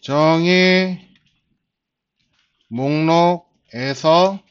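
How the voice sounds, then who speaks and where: Male instructor, 40s, slightly high voice, steady explainer, lo-fi classroom capture. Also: smooth. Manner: starts phrases with a drawn-out filler, slow and patient. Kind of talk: classroom lecture. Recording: dull lo-fi lecture recording.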